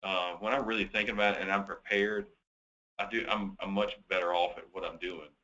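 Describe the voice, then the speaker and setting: Male webinar presenter, very low and forceful, casual with many restarts, dull lo-fi audio. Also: steady tone, brisk. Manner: chatty, with frequent fillers and restarts; poses practical questions to the audience. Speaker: webinar presenter on debt collection. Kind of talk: conversational webinar talk.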